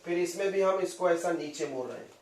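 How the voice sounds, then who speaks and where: A man's voice: high-pitched, fairly quick, a little mellow. A man teaching chemistry in a classroom lecture, quizzing his students and coaxing them to follow along. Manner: coaxing, drills students with questions. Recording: roomy echo, voice from a distance.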